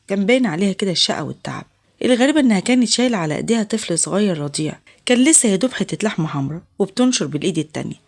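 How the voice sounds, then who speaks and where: Very fast Egyptian storyteller. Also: male voice, high-pitched. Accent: Egyptian Arabic. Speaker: narrator. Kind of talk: first-person story narration.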